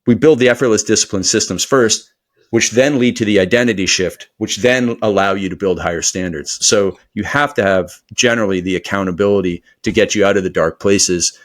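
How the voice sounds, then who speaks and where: A man with a fairly low voice talks as a guest on a podcast. He is a performance coach. His delivery is energetic and motivational, rambling along with plenty of fillers. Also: brisk. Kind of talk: podcast interview conversation.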